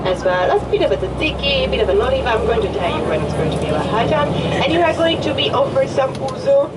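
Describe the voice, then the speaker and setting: A woman with a Hungarian accent, a tour guide giving chatty, joking commentary on a coach, her voice a little hoarse. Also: high voice, big pitch swings, fast talker. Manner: friendly, chatty, joking with the group. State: slightly hoarse. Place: tour bus. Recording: distant voice with vehicle noise.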